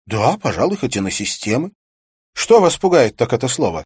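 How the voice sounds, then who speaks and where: A man voicing Rudin, an eloquent and confident young debater who speaks in a calm, forceful, lecturing way in an audiobook. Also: mid-range voice, normal speed, husky, dry recording, clean studio sound, voice pushed up. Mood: confident arguing. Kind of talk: audiobook character reading.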